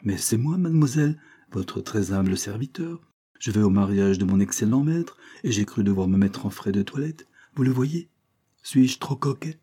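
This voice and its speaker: A man's voice: lowish voice, expressive, moderate pace, warm tone, slightly rough. A man reading an audiobook, voicing a timid, deferential old law clerk in his sixties.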